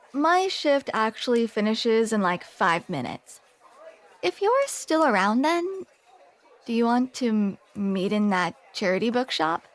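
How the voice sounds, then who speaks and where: Awkwardly keen in mood, a woman with a fairly high voice voices a grumpy, flustered tsundere barista for an ASMR roleplay. The character has a secret soft side and talks in a sardonic, self-deprecating, haltingly awkward way.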